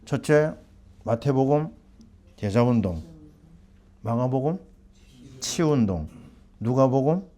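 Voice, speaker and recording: Mellow-voiced Korean pastor preaching. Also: male voice, mid-range voice, animated, slow, pauses often. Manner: asks the congregation questions and answers them himself. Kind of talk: sermon.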